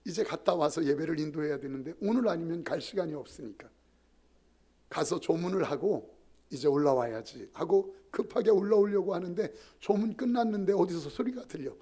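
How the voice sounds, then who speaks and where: A man's voice: on the high side, brisk, slightly rough. A middle-aged male pastor giving a sermon in a church, telling stories and acting out the voices of the people in them. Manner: animated storytelling, acting out quoted voices. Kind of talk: sermon with acted-out anecdotes. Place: church sanctuary.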